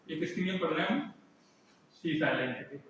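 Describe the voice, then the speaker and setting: A man's voice: on the high side, normal speed, a bit bright, slight background noise. A male teacher giving a classroom lesson who keeps asking and answering his own questions. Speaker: English teacher. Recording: echoey room, mic far off.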